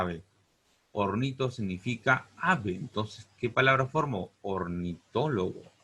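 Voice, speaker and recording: A man's voice: mid-range voice, sharp tone, breathy edge. A man teaching a class on word roots, who stretches out key words and keeps checking in with "¿correcto?" and "¿te das cuenta?". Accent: Peruvian Spanish. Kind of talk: classroom lesson on Greek roots.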